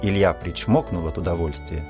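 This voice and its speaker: Deep-voiced man reading a children's story. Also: brisk, over music. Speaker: narrator.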